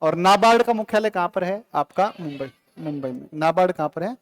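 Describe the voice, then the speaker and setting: Male teacher, live classroom lecture, high voice, quick quizzing and banter. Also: animated. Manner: quizzing students with quick questions and answers; casual, joking with the class.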